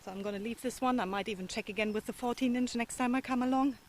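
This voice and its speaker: An Australian woman calmly explaining her metal detecting out in the bush, a little out of breath. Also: fairly high pitch, fast, slight background noise. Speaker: gold prospecting vlogger. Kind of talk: casual outdoor vlog narration. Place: outdoors in the bush.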